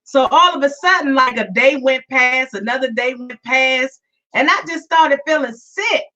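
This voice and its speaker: A woman hosts her own podcast live, her high voice moving at a moderate pace with a bright, forceful tone. She chats casually, repeats herself, and greets listeners by name, though her voice is still weak from being sick. The recording has a dull lo-fi sound and she seems a bit far from the mic.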